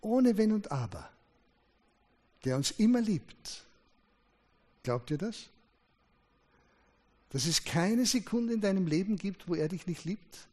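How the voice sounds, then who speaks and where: A man's voice: sits high, expressive, slow, pauses often, mellow. A man preaching a sermon, emphatic, his voice rising and dropping sharply to stress his points. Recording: long hall reverb.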